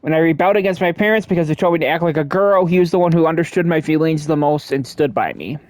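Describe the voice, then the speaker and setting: A man's voice: fairly high pitch, quick pace, no room sound. A man giving casual, joking commentary as he plays a video game and reads its text aloud. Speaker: let's play streamer.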